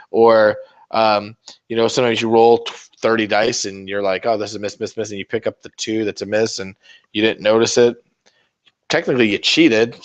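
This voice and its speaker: A man's voice: on the low side, smooth, dull audio. Rambling, profane man streaming his hobby. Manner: rambling, profane, teasing banter. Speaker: livestreamer painting miniatures. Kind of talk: casual chat.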